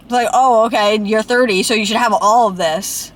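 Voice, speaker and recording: A woman vlogger in her late twenties talks to camera at normal speed in a slightly high voice. She's chatty and rambling, filling her speech with "like," and she speeds up when she vents.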